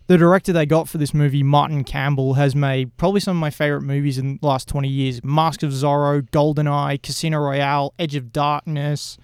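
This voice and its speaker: Smooth-voiced man film podcaster. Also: a little high, a little mellow, no room sound, studio quality. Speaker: podcast co-host. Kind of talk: casual film chat.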